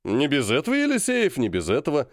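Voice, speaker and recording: A man's voice: medium pitch, wildly swooping pitch, fairly quick, dry recording, clean studio sound. A man voicing a jovial, scheming middle-aged colonel who banters and stretches words for emphasis. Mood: bantering.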